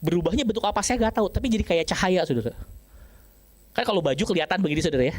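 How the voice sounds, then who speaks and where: A man's voice: sits high, lively intonation, racing. A male pastor telling a story in a sermon, often turning to his listeners and acting out voices and sound effects.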